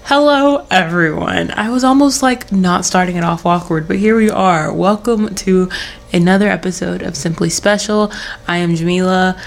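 A young woman hosts her own solo podcast at home in the early morning, chatting casually in a rambling, giggly way and interrupting herself as she loses her voice. Her voice sits on the low side and sounds creaky, and she speaks at a moderate pace.

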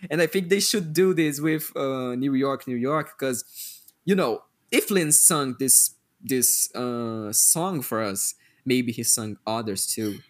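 A man's voice: medium pitch, slow pace. A man co-hosting a podcast, chatting casually and thoughtfully. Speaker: podcast co-host. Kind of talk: casual chat.

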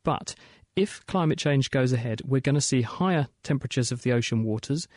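A British man hosting a science radio show, presenting scripted material in a bright, curious, explanatory way. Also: medium pitch, a little fast, no echo, clean studio sound.

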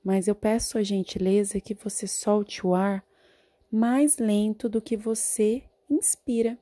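A woman guiding a breathing meditation, speaking slowly and soothingly, sometimes dropping to a whisper. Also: medium pitch, steady tone. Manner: slow, soothing, drawn-out phrasing with soft whispered words. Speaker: meditation guide.

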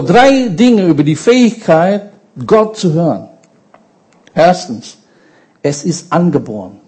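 A man preaching a sermon, slow and emphatic, often asking the congregation questions. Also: high-pitched, darkish tone, breathy edge, poor audio.

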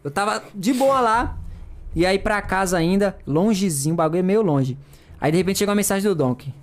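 Young man, fast, slangy podcast sidekick. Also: sits high, animated. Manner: slangy, chimes in and adds details. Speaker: podcast co-host. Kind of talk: casual chat.

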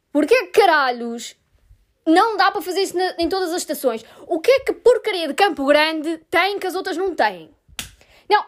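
A young woman with a European Portuguese accent hosting a casual podcast, venting her frustration with swearing and sarcasm. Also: very high-pitched. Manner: exasperated, swears a lot, sarcastic. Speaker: podcast host.

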